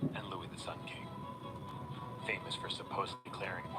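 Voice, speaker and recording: A man giving wry, measured scripted documentary narration. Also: low voice, fairly even intonation. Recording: voice-over over loud music.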